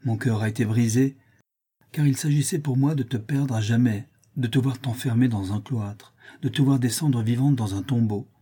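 Audiobook: grave earnest father-prince male narrator, warm, breathy, somewhat raised. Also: mid-range voice, normal speed, close to an everyday voice. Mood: solemn. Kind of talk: audiobook reading.

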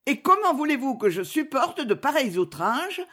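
A woman's voice: sits high, very animated, normal speed, a bit bright, pitched above the performer's own voice. A woman doing a tearful pleading young woman. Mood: passionate. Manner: pleading, emotional.

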